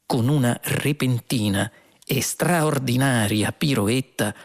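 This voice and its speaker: A man narrating an audiobook with a measured, expressive reading. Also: medium pitch. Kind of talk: scripted narration.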